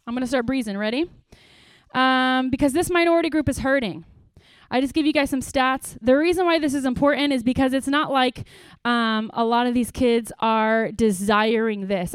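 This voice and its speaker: A middle-aged woman pastor giving an earnest, lively workshop talk to parents, with praise asides and acted-out stories. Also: a little high, clear, resonant tone, no echo. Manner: lively storytelling, acts out quotes with bursts.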